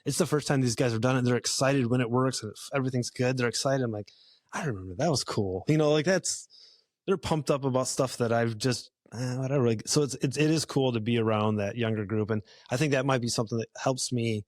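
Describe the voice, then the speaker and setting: A man's voice: mid-range voice, fairly quick, no room sound, clean studio sound. Easygoing male podcast host. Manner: easygoing, filler-heavy speech with restarts. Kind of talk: casual conversation.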